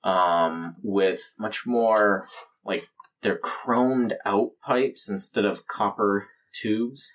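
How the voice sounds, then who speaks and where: A man's voice: on the low side, steady tone, very slow, fairly bright tone. A man running a tabletop game as game master, describing scenes in a chatty way full of fillers.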